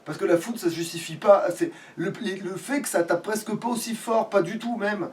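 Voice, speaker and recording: A high-pitched, brisk male voice chats casually while playing a game, grumbling and swearing like a typical let's player. The gaming commentary is picked up on a distant mic with loud background noise.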